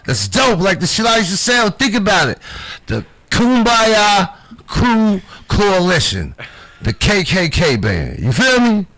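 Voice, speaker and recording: A livestream host from Chicago speaks a little slowly in a high, somewhat bright voice whose pitch swoops wildly. He trades loose, improvised banter that is profane and swaggering, with street slang and a strong Chicago accent.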